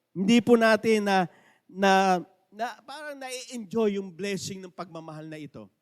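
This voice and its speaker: High-voiced preaching pastor in a reverberant hall. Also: male voice, a bit bright. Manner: conversational preaching, asks the congregation questions. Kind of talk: sermon. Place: church sanctuary.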